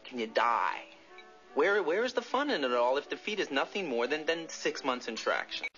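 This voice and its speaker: A man's voice: a little high, very animated, normal speed, sharp tone, faint music behind, heavily acted. An actor playing an earnest small-town man who argues with stammering restarts. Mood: insistent. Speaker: TV series character. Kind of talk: TV drama dialogue. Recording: dull TV audio with score.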